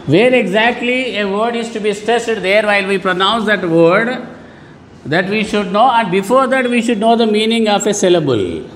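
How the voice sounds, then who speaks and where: A man's voice: high voice, expressive, moderate pace, fairly bright tone, big-room sound, a little hiss or hum. A man teaching an online lesson to schoolchildren, patiently repeating and rephrasing words. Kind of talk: online classroom lesson for children.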